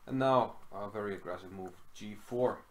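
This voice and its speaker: Here a middle-aged man from Iceland, a chess commentator, thinks aloud over a game at home in a small room, talking casually with lots of fillers. His voice is lowish and his speed normal. A little hiss or hum is audible.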